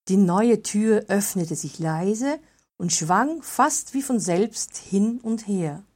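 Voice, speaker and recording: A woman calmly reading a fairy tale aloud as narrator. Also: mid-range voice. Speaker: storyteller.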